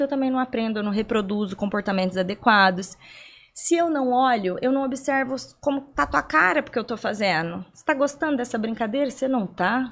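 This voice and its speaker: Appearing as a guest on a podcast interview, a young Brazilian woman explains things at length, using rhetorical questions and everyday examples. Her voice is mid-range.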